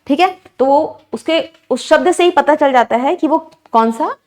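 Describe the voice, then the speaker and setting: A woman's voice: high voice, animated, moderate pace, darkish tone. Woman teacher quizzing students step by step. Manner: explains step by step with constant questions to students. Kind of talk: exam prep lesson.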